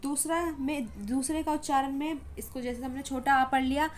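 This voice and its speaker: A woman's voice: sits high, steady tone, normal speed, slight background noise. A woman giving an English pronunciation lesson in Hindi, patiently repeating example words and saying "ठीक है" often. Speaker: English teacher.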